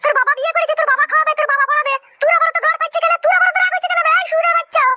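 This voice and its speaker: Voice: very high voice, flat delivery, racing, sharp tone, voice pushed up, full character voice. A performer voicing a brawling middle-aged cartoon mother-in-law who screams insults. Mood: abusive. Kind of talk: comic cartoon dubbing.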